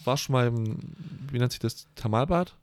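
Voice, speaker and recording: A man's voice: medium pitch, normal speed, clear, resonant tone, no echo. A young man chatting casually and crudely as a podcast co-host, rambling and joking. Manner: loose, rambling, crude humor. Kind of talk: casual slangy chat.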